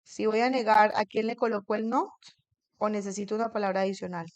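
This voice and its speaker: A woman's voice: medium pitch, steady tone, a little fast, no echo. A woman teaching an English grammar lesson in a classroom. She keeps checking in with her students and asks them questions.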